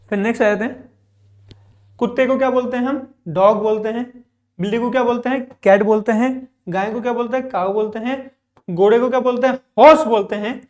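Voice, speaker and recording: In a vocabulary class, a male English teacher speaks with a very high, slightly mellow voice. He drills by asking questions and answering them himself, explaining with patience and frequent check-ins.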